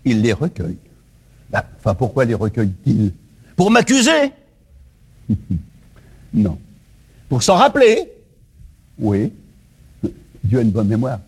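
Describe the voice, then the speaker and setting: A man preaching a sermon to his congregation, swinging between loud rising lines and hushed low questions. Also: wildly swooping pitch, slow pace, pauses often, slightly rough.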